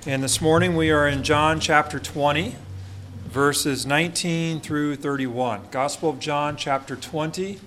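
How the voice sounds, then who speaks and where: A man's voice: fairly high pitch, steady tone, a little slow, fairly bright tone, a little hiss or hum. A male pastor preaching a sermon at a pulpit microphone in a church, reading scripture and then explaining it with frequent "uh" fillers.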